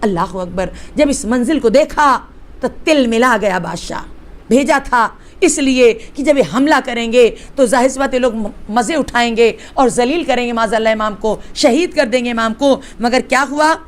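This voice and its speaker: A woman religious teacher from Hyderabad, India, telling a sacred story to women with drama and rhetorical questions to her listeners. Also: on the high side.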